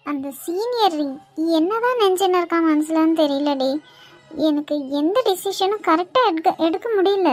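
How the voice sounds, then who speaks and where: A worried young cartoon woman, as a woman voices her, confiding in a troubled, pleading way with a Kanyakumari Tamil accent. Her voice sits very high, and the sound is dry. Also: normal speed, no echo, faint music behind.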